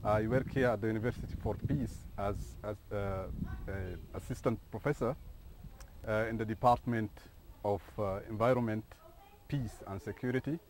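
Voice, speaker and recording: Sudanese-born guy, middle-aged prof, low voice, lots of uh and restarts, faint noise behind. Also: normal speed. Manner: hesitant, many fillers and restarts. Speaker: assistant professor. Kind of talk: interview answers.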